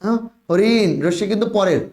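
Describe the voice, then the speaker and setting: High-voiced man teaching spelling, echoey. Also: darkish tone. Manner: drills students, repeats words, urges quick answers. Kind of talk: online spelling lesson.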